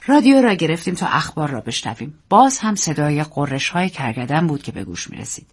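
A woman narrating a novel aloud in an expressive storytelling manner. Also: low voice, breathy edge. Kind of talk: audiobook reading of a novel.

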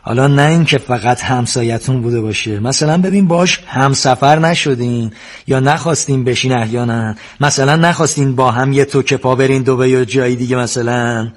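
A man playing a husky, smug interrogator. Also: medium pitch, natural voice. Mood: taunting. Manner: taunting, calmly pressing. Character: smug male police interrogator. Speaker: police interrogator. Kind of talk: TV drama acting.

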